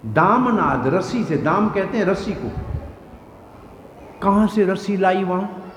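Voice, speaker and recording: In an echoey hall with faint noise, a male preacher gives a devotional scripture discourse, vividly telling the story, acting out its scenes and explaining the verses. His voice sits high and a bit bright, animated yet unhurried.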